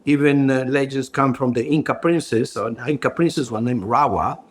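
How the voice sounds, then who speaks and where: Halting man. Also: medium pitch. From Ecuador. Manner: halting, searching for words. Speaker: brand co-founder and hairstylist. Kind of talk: podcast interview.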